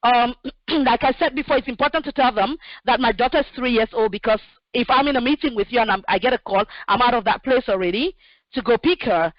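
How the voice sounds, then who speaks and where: A woman's voice: on the high side, quick pace, no echo, dull audio. A woman in her forties, originally from Cameroon, answering questions as a human resources expert on a call, speaking in a direct, practical way with many fillers. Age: 40s. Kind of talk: answering questions in an online session.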